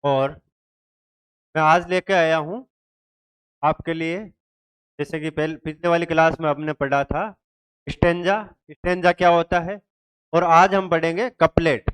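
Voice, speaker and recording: A man's voice: a little high, fairly even intonation, unhurried, pauses often, fairly bright tone, smooth. A man teaching an exam-prep literature lesson, who asks his students questions and then answers them himself, repeating the key terms.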